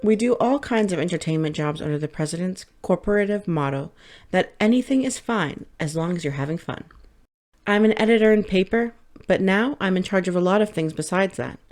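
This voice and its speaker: Woman narrating an audiobook in a low, steady voice. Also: fairly quick. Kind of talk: first-person audiobook narration.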